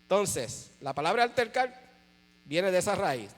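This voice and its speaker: Preacher teaching in a reverberant hall. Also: male voice, high-pitched, very animated. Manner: explains slowly, stresses key words, keeps checking in with 'ok?'. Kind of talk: church teaching talk. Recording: long hall reverb with faint mains hum.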